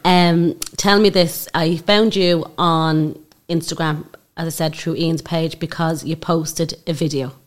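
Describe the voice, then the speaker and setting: A woman's voice: low-pitched, fairly even intonation, measured pace, few pauses. A woman with an Irish accent, hosting a casual interview in an informal, probing way. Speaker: host, interviewer.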